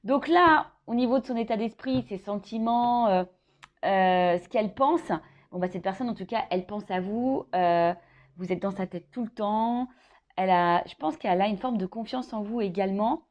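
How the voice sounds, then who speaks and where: In lo-fi sound, a woman with a medium-pitched voice speaks at a moderate pace while reading tarot for a love horoscope. She talks to the viewer informally and improvises, hesitating and thinking aloud, repeating phrases and leaning on "hein" tags.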